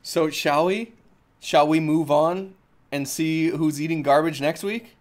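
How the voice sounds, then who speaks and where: A man's voice: on the high side, measured pace. A man co-hosting a live gaming show, chatting casually and rambling, self-deprecating and losing his train of thought. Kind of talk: casual live-stream chat.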